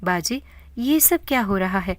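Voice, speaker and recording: A woman's voice: mid-range voice, lively intonation, no room sound, lightly acted. A woman voicing a frightened young brother who pleads in panic in a storybook horror tale. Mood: alarmed.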